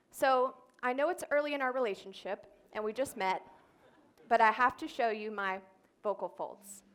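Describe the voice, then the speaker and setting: A woman, a speech therapist, giving an explanatory talk on stage and demonstrating voice sounds. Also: on the high side. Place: event stage before an audience.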